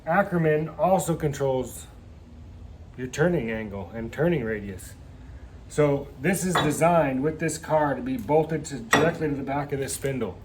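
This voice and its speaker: In his noisy workshop garage, a mechanic with a medium-pitched voice casually demonstrates a car brake swap at a moderate pace. It's hands-on how-to talk, and he rambles, jokes, and calls his viewers kids.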